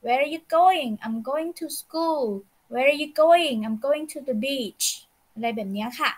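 A woman's voice: high voice, extremely slow. A woman teaching an English pronunciation lesson to children, patiently coaching each sound.

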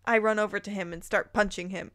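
A woman with a mid-range, fairly bright voice reads fan fiction dramatically and quickly, her intonation fairly even. As host, she interjects with playful, incredulous reactions.

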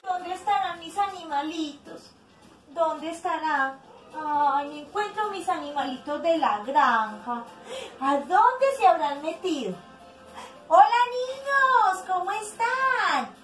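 A woman's voice: high-pitched, lively intonation, slow, distant mic. A young woman, a preschool teacher leading a playful children's lesson with animal sounds, exclamatory and sing-song. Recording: echoey room, a bit off-mic, faint music.

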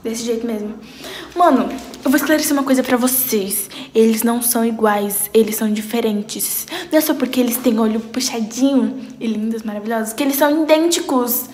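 High-voiced teen girl, playful. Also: brisk, darkish tone. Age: teens. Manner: playful, dramatic, jumps into high squeals. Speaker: vlogger reacting to memes. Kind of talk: casual reaction chat. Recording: roomy echo.

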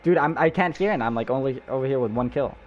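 An irritated young man on a headset, arguing with teammates mid-game. His voice sits in a middle register. Noise is clearly audible behind him. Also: mid-range voice, fast, lo-fi sound. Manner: irritated, argumentative. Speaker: gamer on voice chat. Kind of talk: casual chat while gaming. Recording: noisy voice chat.

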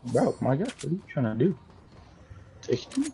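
A man's voice: mid-range voice, big pitch swings, quick pace, gravelly, warm tone, a little hiss or hum. Teasing, cursing young man on game chat. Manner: teasing, swearing, blunt. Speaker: gamer. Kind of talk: casual voice chat while gaming.

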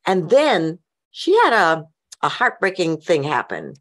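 A woman's voice: lowish voice, sing-song, unhurried, fairly bright tone. A woman hosting a podcast interview, introducing her guest with upbeat enthusiasm. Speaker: host.

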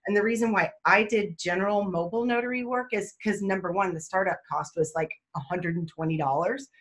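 A woman, talking excitedly and chattily on a video call about her mobile notary work, often laughing and rambling. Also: mid-range voice, a little fast. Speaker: mobile notary guest speaker. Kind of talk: excited casual webinar talk.

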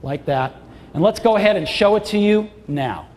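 A man's voice: sits high, lively intonation, normal speed, a little mellow. A middle-aged man giving a product launch keynote on a large auditorium stage, with emphatic, enthusiastic salesmanship. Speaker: keynote presenter. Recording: long hall reverb, faint crowd.

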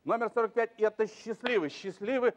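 A middle-aged man hosting a TV lottery draw as a bingo caller, calling numbers in a drawn-out, emphatic way. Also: high-pitched, muffled recording. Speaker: lottery show host. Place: large TV game show studio with audience. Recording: noisy old TV studio recording with clicks.

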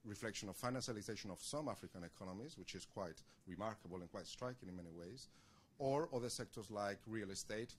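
Deep-voiced man posing academic questions. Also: slightly rough. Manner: measured, academic, hesitant restarts. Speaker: audience member asking questions. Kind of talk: question at a panel discussion.

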